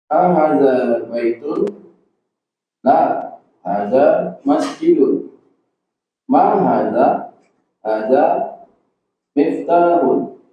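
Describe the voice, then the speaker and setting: A man reading aloud haltingly as a student in a class. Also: medium pitch, animated, a little hiss or hum. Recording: distant, echoey, muffled room.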